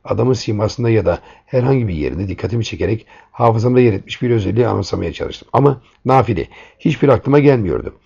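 A man's voice: lowish voice, expressive, quick pace, gravelly, hardly any pauses, darkish tone, breathy edge. A man reading a first-person story aloud in a tense, dramatic way, in a dull lo-fi recording.

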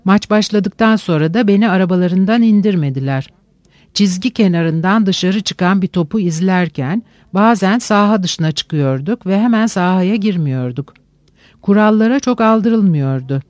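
A man with a high-pitched voice narrates a literary audiobook, measured and reflective with slow pauses. The sound is dry and close to the mic, with no room around it. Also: a little mellow, dry recording.

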